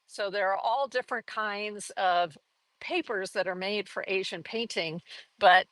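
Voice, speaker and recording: A woman's voice: medium pitch, unhurried, fairly bright tone, no echo, low-quality recording. Chatty woman teaching brush painting. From grew up in Taiwan and Korea. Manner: chatty, folksy, laughs often, says y'all. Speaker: art teacher. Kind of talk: live painting lesson.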